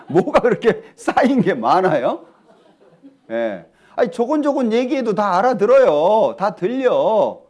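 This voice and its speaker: A man preaching a sermon in church, lively and talkative, often asking the congregation questions. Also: high voice, slow pace. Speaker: pastor. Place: church hall.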